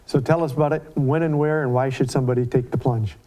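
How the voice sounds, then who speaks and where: A man's voice: mid-range voice, steady tone, fast, dark tone. A man interviewing someone casually, chatty and fond of tag questions.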